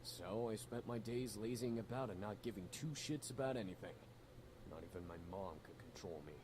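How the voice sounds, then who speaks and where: Brief: male actor as a rebellious young demon prince, blunt and crude, low-set voice, faint hiss behind. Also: moderate pace, close to an everyday voice. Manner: blunt, swears casually. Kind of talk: game voice acting.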